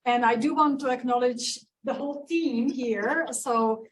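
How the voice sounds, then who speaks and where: A woman researcher giving a presentation at an event, talking with many fillers and pauses. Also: fairly high pitch. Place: event room. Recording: distant mic with faint room noise.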